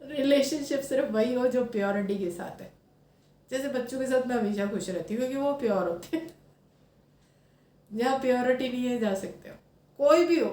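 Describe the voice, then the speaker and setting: A woman's voice: a little high, dark tone, roomy sound. A woman in her thirties giving an earnest, reflective personal talk as a spiritual speaker, slipping English phrases into her speech.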